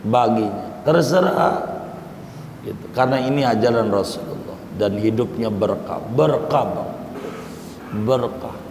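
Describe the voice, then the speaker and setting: A man's voice: medium pitch, a little slow. A male preacher giving a folksy sermon, repeating his points and addressing the listeners as brothers. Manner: folksy, repetitive, calls listeners "saudara". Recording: echoey hall with faint noise.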